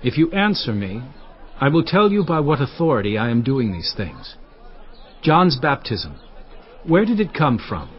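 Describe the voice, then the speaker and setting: Actor as solemn, emphatic Jesus, lively delivery. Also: male voice, mid-range voice, moderate pace, a faint crowd, natural voice. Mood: firm teaching. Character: Jesus, adult male teacher, firm, authoritative storyteller. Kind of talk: dramatized audio Bible acting. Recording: slightly dull sound with music behind.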